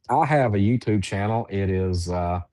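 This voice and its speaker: A man who researches Bigfoot, telling a story in a halting, drawn-out way with many restarts. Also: fairly low pitch, a little mellow, no room sound. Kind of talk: storytelling in an interview.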